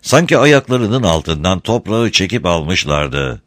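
A man narrating a story in a steady, measured reading voice. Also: deep voice, dry recording, studio quality.

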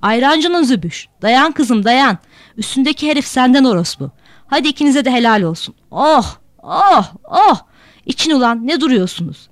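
A woman voicing a drunken, rowdy woman at a party, shouting crude insults in a slurred voice. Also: mid-range voice, animated, fast, few pauses, no room sound, clean studio sound, natural voice. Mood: drunken yelling.

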